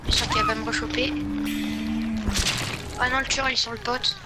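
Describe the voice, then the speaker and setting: A woman gamer with a fairly high, animated voice reacts to a horror game in casual chat. She swears and exclaims freely as she talks to her teammate. Music plays behind her. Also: brisk.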